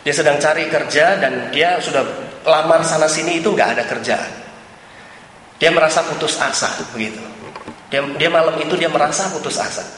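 A man's voice: fairly high pitch, normal speed, fairly bright tone, slight background noise. A man giving a conversational sermon, addressing the congregation and mixing in English phrases. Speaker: preacher. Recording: echoey hall with long reverb.

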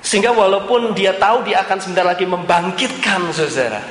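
A man's voice: high-pitched, brisk, fairly bright tone, a little hiss or hum. Preaching man in an echoing hall. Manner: keeps addressing listeners as "brother", asks repeated rhetorical questions. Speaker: pastor. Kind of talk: sermon. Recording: echoey hall with long reverb, faint room ambience.

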